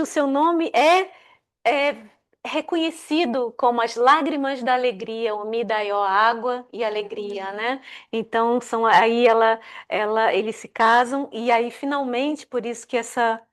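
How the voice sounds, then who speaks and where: Woman storyteller, kinda high voice, acts out the characters, lots of little "né?"s. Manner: lively, acts out the characters' quoted lines; many fillers like "né?". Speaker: guest speaker telling a tale. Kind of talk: oral storytelling.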